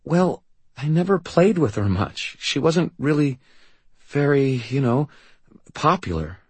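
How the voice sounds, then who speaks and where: A man voicing a frightened young woman who answers in halting, hesitant bits. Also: fairly high pitch, sing-song, breathy edge, no room sound, voice pushed up, heavily acted. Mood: nervous.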